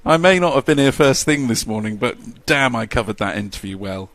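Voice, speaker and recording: A man's voice: medium pitch, animated, brisk, a bit bright. A man doing live race commentary, chatty and jokey as he reads out lap times.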